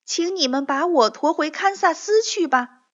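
A woman voicing a young girl lost far from home, in a high, pleading voice for a storybook reading. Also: animated, unhurried. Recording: dull lo-fi recording.

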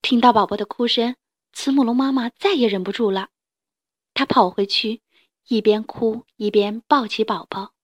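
A woman reading a children's story aloud in a gentle, expressive way. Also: a little high, normal speed, no echo, clean studio sound.

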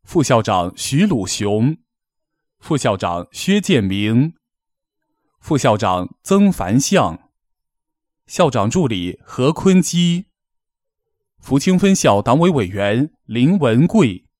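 A man's voice: mid-range voice, very animated, darkish tone, no room sound, studio quality. A man hosting a formal gala, delivering a scripted, poetic address in a solemn, declamatory manner. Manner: declamatory, solemn, measured phrasing. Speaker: gala host, master of ceremonies.

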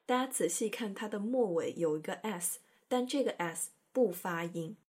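A woman with a husky, darkish, medium-pitched voice hosts an English-learning podcast, speaking at a moderate pace with lively intonation. Her narration is chatty and playful, and she demonstrates pronunciation with care.

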